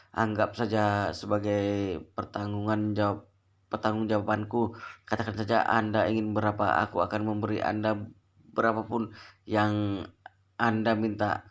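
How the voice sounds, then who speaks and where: A man's voice: lowish voice, lightly acted. A man voicing a frightened young rich heir who begs and stammers. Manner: pleading, stammering.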